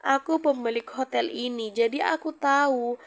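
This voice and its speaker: A woman reading a story aloud, voicing a heartbroken, earnest young man in a quiet, subdued way. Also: on the high side, normal speed, close to an everyday voice. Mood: hurt.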